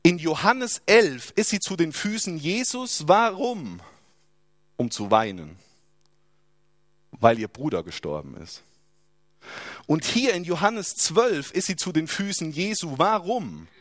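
Man, sermon, animated delivery, rhetorical questions, dry close mic. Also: fairly high pitch, takes it slowly, pauses often, dry recording. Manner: lively, rhetorical questions, emphatic drops in voice. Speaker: preacher.

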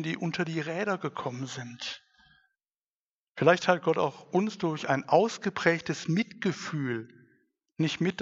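A man's voice: fairly high pitch, fairly bright tone. A man preaching a sermon in an earnest manner, rising to emphatic stresses. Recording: dull sound, long hall reverb.

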